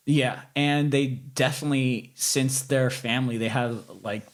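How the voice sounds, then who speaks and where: A man speaking candidly and reflectively as a guest in a casual conversational interview. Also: medium pitch.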